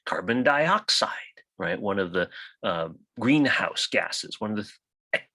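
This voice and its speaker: A man giving a college science lecture, lively and chatty, often checking in with "right?" and asking his class questions. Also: lowish voice, unhurried, no echo, rough recording. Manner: animated, rhetorical questions with frequent "right?". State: coughing, hiccups.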